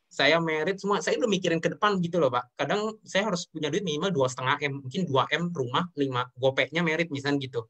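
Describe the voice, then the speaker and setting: A young man from Indonesia talks fast in a slightly high voice. He speaks earnestly and keeps addressing the host politely as he tells his story. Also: fairly bright tone. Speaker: guest sharing his business story. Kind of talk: emotional interview talk.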